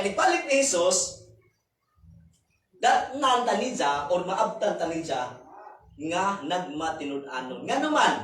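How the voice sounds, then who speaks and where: A man with a Cebuano accent preaching a sermon, with emphatic rises and drops and English scripture quotes mixed in. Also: high voice. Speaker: pastor. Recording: echoey hall from far off, faint background noise.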